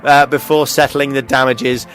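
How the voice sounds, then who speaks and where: A man's voice: mid-range voice, level tone, moderate pace, a bit bright, soft background music. A man hosting a local radio show, reading out odd news stories in a casual, joking way with frequent chuckles and ums. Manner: chuckles often, lots of ums and uhs. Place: radio studio.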